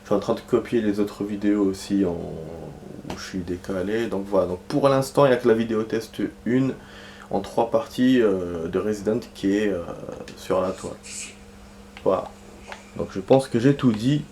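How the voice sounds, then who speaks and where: A man chats his way through a video game in a low, relaxed voice. He rambles, trips over his words and circles back, full of small hesitations. The tone is warm and unhurried, like a regular talking to his viewers. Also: slight background noise. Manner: rambling, hesitant, lots of fillers and restarts. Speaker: gaming commentator. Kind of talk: casual let's-play commentary.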